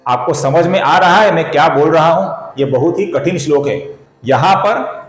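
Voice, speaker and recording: A man's voice: on the high side, reverberant, poor audio. Man teaching careful Sanskrit recitation. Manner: slow, drawn-out chanting of verse words; addresses viewers as friends, earnest explaining. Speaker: spiritual YouTube teacher.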